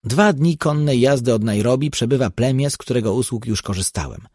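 A man reading an audiobook, voicing a seasoned tracker who explains and warns in a measured way. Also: mid-range voice, a little mellow, no echo, studio quality, voice pushed up, lightly acted. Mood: explaining. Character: seasoned grave male tracker, guide.

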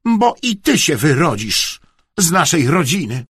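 A man voicing a sharp-tongued, scolding middle-aged aunt in an audiobook story, with a cutting, reproachful manner. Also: on the high side, big pitch swings, unhurried, slightly rough, no echo, voice pushed up, full character voice. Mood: warning. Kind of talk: audiobook reading.

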